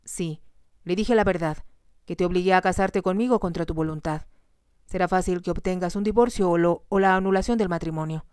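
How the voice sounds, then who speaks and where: Cold, curt aristocrat husband, voiced by a woman in whispered role-play; keep it low and smooth. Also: a little fast, a little mellow, no room sound, clean studio sound, close to an everyday voice. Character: cold, commanding aristocratic husband called the devil.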